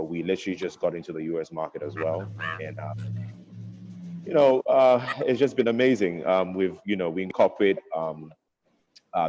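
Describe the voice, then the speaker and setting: A man's voice: low-pitched, a little mellow, lo-fi sound, a little hiss or hum. A man speaking hesitantly, with many fillers, as a clothing brand founder on an online panel. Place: in Ghana.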